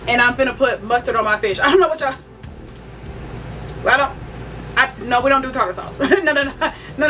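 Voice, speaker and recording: A woman's voice: a little high, bright, forceful tone. Chatty woman cooking vlogger. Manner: chatty, talks straight to viewers as "y'all", with fillers. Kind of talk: casual cooking vlog.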